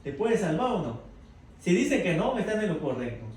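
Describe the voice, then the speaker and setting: A man's voice: sits high, sing-song, fairly quick, a little mellow. A man leading an interactive Bible class, quizzing the group and tagging his points with "right?". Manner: asks the group questions, tags lines with "verdad?". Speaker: Bible study teacher. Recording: echoey room from far off, faint noise.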